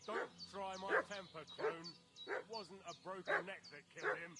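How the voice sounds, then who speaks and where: Brutal, gravelly game thug. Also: male voice, high voice, big pitch swings, normal speed. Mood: menacing. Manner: menacing, aggressive. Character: brutal, foul-mouthed male thug bullying villagers. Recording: game audio under loud music.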